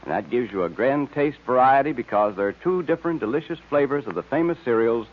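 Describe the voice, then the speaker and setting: In a muffled vintage radio recording, a man with a medium-pitched, expressive voice talks fast as an announcer and sponsor pitchman. His emphatic, salesman-like delivery, in the style of 1930s-40s radio, seems aimed at children.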